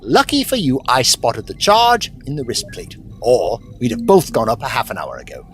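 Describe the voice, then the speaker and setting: An animated, mid-pitched man acting as an eccentric adventurer. He is wry, theatrical and unflappable, in audio drama style, with music underneath. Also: moderate pace. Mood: wry, chatty.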